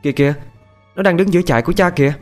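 A man voicing a bright, eager little fisherman's girl in a high, childish pleading voice, for a told ghost story. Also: very fast, faint music behind, lightly acted.

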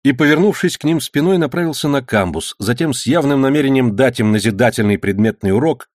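Expressive male audiobook narrator, dry sound. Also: medium pitch, fast talker, no room sound. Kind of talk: scripted narration.

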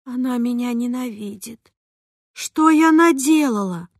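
A woman's voice: sits high, expressive, moderate pace, no echo, studio quality, voice pushed up. Woman reading as a flustered, teary mother. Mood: tearful. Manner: exclaiming, anxious. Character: flustered mother, emotional and quick to cry. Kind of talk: audiobook character reading.

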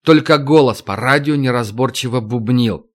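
A man narrating an audiobook in a steady, dramatic reading. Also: medium pitch, moderate pace. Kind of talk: scripted narration.

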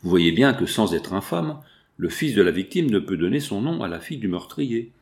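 A stern millionaire father, cold and insistent, as a low-voiced reader plays him. The low voice has a gravelly edge. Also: very animated, moderate pace, darkish tone. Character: stern older male millionaire, coldly insistent. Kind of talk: audiobook reading.

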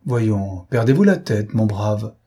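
A man's voice: on the low side, animated, takes it slowly, dark tone, husky, heavily acted. A man voicing an older male shipowner, indignant and flustered.

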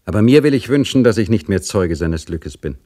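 A man reading a story, voicing a bitter, sly male livery servant who grumbles loudly and mocks. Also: fairly low pitch, lively intonation, brisk. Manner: loud, complaining and mocking.

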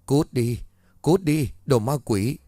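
A man's voice: little pitch movement, unhurried, dark tone, breathy edge, no echo, clean studio sound. A man voicing a terrified, haunted young wife who screams and pleads in panic, in a horror storybook narration. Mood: furious. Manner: shrill frantic screaming.

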